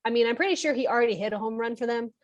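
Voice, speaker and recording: A woman's voice: on the high side, racing, dull audio. A woman co-hosting a casual sports podcast, giving blunt, opinionated takes. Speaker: podcast co-host.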